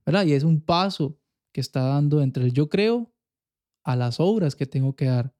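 A man's voice: on the high side, lively intonation, normal speed, dark tone. A young man with a Costa Rican accent, talking earnestly in a casual faith podcast and often checking whether the listener follows him. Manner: earnest, keeps checking in with "you get me?". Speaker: podcast co-host.

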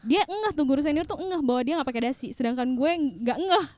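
A woman's voice: high-pitched, expressive, a little fast, darkish tone, no room sound. A woman in her twenties, a young teacher, chatting casually as a podcast guest. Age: 20s.

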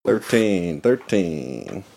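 A man's voice: low-pitched, very animated, very slow, creaky, warm tone. A man chatting casually as a player in a tabletop game, with crude, joking banter. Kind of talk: casual chat.

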